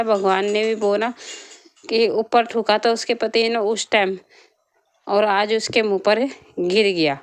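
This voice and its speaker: A woman's voice: fairly high pitch, clean tone. A woman vlogger telling a story from her life and giving earnest moral advice, repeating herself often. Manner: repetitive, earnest, preachy.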